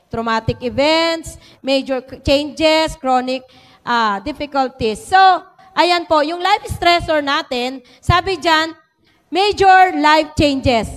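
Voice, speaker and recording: A woman giving a lively church teaching talk, mixing in English and acting out quotes. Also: high voice. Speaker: church speaker. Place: church hall. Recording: long hall reverb.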